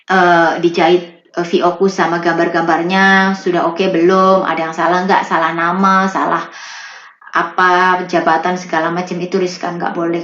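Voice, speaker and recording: Lively woman in a roomy, dull recording. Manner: lively, explains with quick rises in pitch. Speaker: voice-over artist. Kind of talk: casual interview chat.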